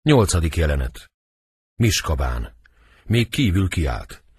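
A man narrating the stage directions of a play as an audiobook, in a measured dramatic reading. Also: low voice, big pitch swings, a little mellow, breathy edge, no room sound, clean studio sound.

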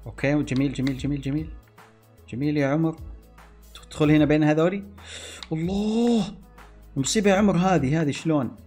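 A man giving excitable gameplay commentary, exclaiming and talking to himself and his viewers. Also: fairly high pitch, fast talker, long pauses, faint music behind. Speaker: gaming YouTuber.

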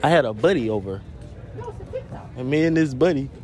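A teenage boy outdoors at school, telling a story in a halting, hesitant way. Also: medium pitch, expressive. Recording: crowd chatter behind.

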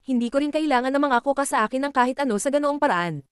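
A woman voicing a cold, ruthless young male martial cultivator who makes flat threats, in a fast-read audiobook. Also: high-pitched, no echo, clean studio sound, natural voice.

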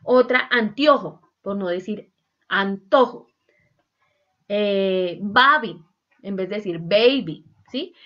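A woman's voice: medium pitch, takes it slowly. A woman, teaching a class and acting out spoken examples while checking in with the students. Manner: lively, acts out examples, asks "¿sí?" and "¿cierto?" often. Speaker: Spanish teacher. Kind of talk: online class lecture. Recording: dull lo-fi recording.

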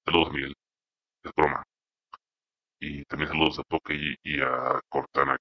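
In a playful demo of a deep voice changer, a young man hosting his channel rambles and jokes, throwing in silly insults. He speaks at a moderate pace with flat delivery and a sharp tone.

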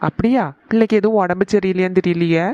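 A performer voicing an easygoing father who speaks gently to his wife and daughters. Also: mid-range voice, steady tone, fast talker, no echo, muffled recording, natural voice. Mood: calm.

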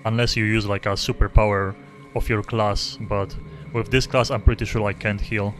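A man's voice: lowish voice, little pitch movement, moderate pace. A young man giving casual, rambling live commentary as he streams a game, close to a desk microphone. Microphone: close desk microphone without pop filter. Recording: faint game music behind.

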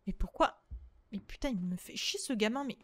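A young adult woman streaming a horror game, chatting casually with her viewers. She swears freely, repeats herself in quick bursts and breaks into shrieks when the game startles her. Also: mid-range voice, expressive, husky. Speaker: gaming streamer. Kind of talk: let's-play commentary of a horror game.

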